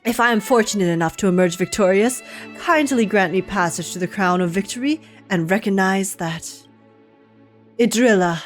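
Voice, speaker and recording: A woman's voice: mid-range voice, moderate pace, lightly acted. A woman acts out a gallant male knight from a fantasy game, devoted to beauty. The delivery is theatrical and courtly, full of flowery phrases, with music playing behind. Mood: solemn, courtly. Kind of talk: reading game dialogue aloud in character.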